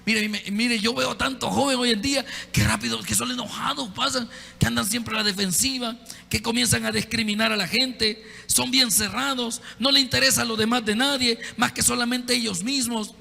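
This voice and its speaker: A pastor preaching a sermon in a conversational way, often putting direct questions to the congregation. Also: male voice, very high voice, steady tone, normal speed, gravelly, bright, forceful tone, in a large hall. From El Salvador. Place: church.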